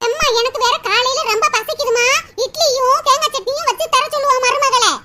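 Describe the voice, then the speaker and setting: A woman's voice: very high-pitched, a little fast, sharp tone. A woman voicing a cheeky, greedy young sister-in-law, whiny and sarcastic.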